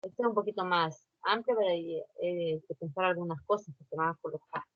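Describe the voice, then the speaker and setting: A woman's voice: lowish voice, a little fast, no room sound. A woman teacher giving an online class, patiently repeating instructions and checking in with her students. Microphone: computer mic for a virtual class. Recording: dry, dull lo-fi sound.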